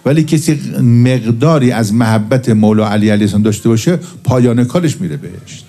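A man's voice: mid-range voice, dark tone. A man preaching a religious sermon and telling jokes with a storyteller's timing. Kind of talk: religious sermon with humorous anecdotes.

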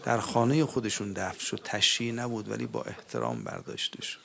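A man's voice: fairly low pitch, sing-song, vocal fry, pushed and bright. A man preaching a religious mourning sermon, moving between spoken eulogy and chanted elegy in a mournful, grieving way.

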